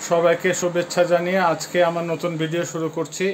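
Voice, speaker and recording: A man in his fifties from Bangladesh with a Bangladeshi Bengali accent, teaching vocabulary slowly and methodically, repeating each term. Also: on the high side, monotone, a little hiss or hum. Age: 50s. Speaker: language teacher. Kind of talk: vocabulary lesson, word by word.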